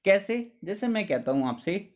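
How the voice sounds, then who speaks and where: A male teacher giving an exam-prep lesson. He asks questions and answers them himself, often checking whether it is clear, and drops his voice for each answer. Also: high-pitched, sing-song, normal speed. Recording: dull lo-fi sound.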